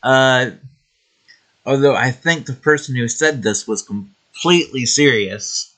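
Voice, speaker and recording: A man's voice: medium pitch, measured pace, a bit bright. A man hosting a video game show, giving casual opinion commentary in a hesitant, rambling, matter-of-fact way.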